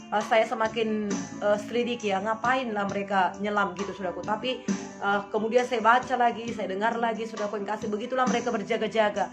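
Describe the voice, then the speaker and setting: A woman pastor, preaching and praying fervently and calling out to her listeners again and again. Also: mid-range voice. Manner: fervent, repeatedly calls the listeners "my brothers and sisters". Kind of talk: sermon and spoken prayer. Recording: music playing behind the voice.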